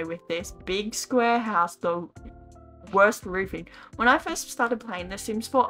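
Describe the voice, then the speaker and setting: A woman's voice: medium pitch, fairly bright tone. Tired, rambling young woman ranting. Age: young adult. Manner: rambling, self-deprecating, chatty. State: tired, yawning. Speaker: Sims gaming YouTuber. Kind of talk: casual ranting voice-over over a speed build.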